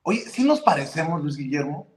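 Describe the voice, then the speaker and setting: A man's voice: on the high side, sing-song, normal speed, crowd noise. A man with a Mexican accent hosting an online talk show, blunt and joking with colloquial swearing. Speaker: host.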